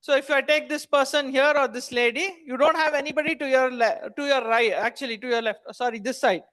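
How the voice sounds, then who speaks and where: A woman with a Kannada accent leads an audience through an exercise. Her voice is high and she talks quickly, flipping between languages as she gives short instructions and checking questions. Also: fairly bright tone. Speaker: event host leading audience icebreaker. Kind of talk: interactive audience exercise, mixing English and Kannada.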